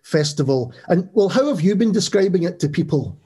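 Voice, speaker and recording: A man's voice: high voice, expressive, a little fast, warm tone, breathy edge. A man hosting a podcast, interviewing a guest in a friendly, enthusiastic way. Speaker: podcast host.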